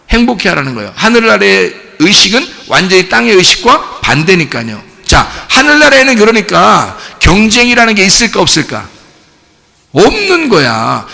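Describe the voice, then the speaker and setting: A man preaching a sermon as pastor, playful and animated, acting out cheering crowds to make his point. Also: high voice, gravelly. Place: church sanctuary. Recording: church hall with long reverb.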